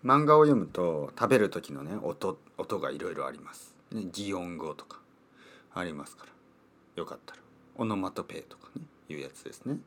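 Male podcast host, 30s, low-ish voice with lots of pitch movement; joking, meandering, repeats himself while searching for words. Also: big pitch swings, normal speed, fairly bright tone. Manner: playful and rambling, repeats words while thinking aloud. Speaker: podcast host teaching Japanese. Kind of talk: casual solo podcast talk.

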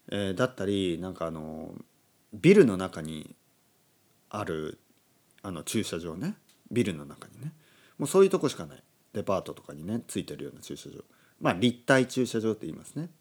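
A man from Oita, Japan, hosting a relaxed solo talk for learners, explaining slowly and glossing words in English. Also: sits low. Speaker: podcast host. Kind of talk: casual monologue for Japanese learners. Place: indoors at a table.

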